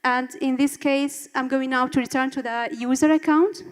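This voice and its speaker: High-voiced woman demoing an app. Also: fairly even intonation, normal speed, long reverb tail. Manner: walks through steps, filler uhs. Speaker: student presenting her app. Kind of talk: demo presentation.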